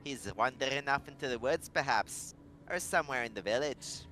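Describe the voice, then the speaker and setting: A man's voice: mid-range voice, moderate pace, sharp tone, soft background music, lightly acted. A man voicing an elderly, grandmotherly innkeeper woman with an old-timey folksy drawl. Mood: musing.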